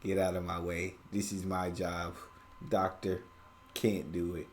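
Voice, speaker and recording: A man's voice: sits low, flat delivery, a little hiss or hum, voice pushed down. Man doing a stubborn first-aid tough guy. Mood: dismissive. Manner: slow, firm, dismissive.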